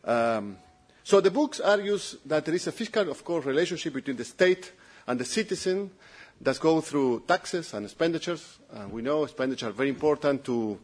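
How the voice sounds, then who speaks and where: A man's voice: on the high side, expressive, normal speed. Italian-accented man presenting a report. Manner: repeats words and restarts often.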